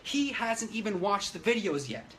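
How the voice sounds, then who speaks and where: A man's voice: high-pitched, sing-song, moderate pace, sharp tone, slight background noise. A man hosting a live stream, ranting bluntly and heatedly with a lot of swearing.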